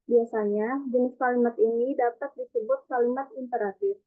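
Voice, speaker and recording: A young woman student reading a group class presentation aloud in a careful, even recitation. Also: a little high, normal speed. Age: young adult. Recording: tinny phone-like recording.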